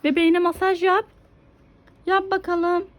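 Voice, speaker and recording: A woman's voice: extremely high pitch, little pitch movement, a little slow. A mother coaxing her toddler through a pretend doctor game, giving instructions and exclaiming often.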